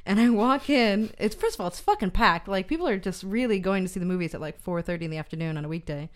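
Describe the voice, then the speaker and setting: Woman co-host, halting casual reviewer, clear smooth tone. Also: mid-range voice, lively intonation. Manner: hesitant, many fillers and restarts. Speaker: podcast co-host. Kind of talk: casual film review chat.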